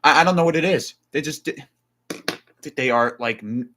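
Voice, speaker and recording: A man's voice: medium pitch, normal speed, a bit bright, a little hiss or hum. A man from New Jersey chatting casually on a live stream, rambling with restarts and asides while reading definitions aloud.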